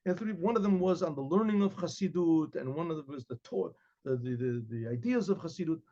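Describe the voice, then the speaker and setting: An older American man spins a rambling tale for an informal class on his desk webcam, in a study lined with books, repeating words and clearing his throat often. He talks briskly in a fairly high, warm voice, and the recording is muffled.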